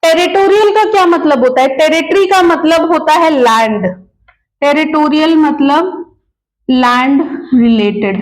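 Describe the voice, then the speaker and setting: A woman's voice: high-pitched, unhurried, reverberant, low-quality recording. A woman teaching a law class, mixing Hindi and English, asking questions and answering them herself, repeating key terms. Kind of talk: lecture.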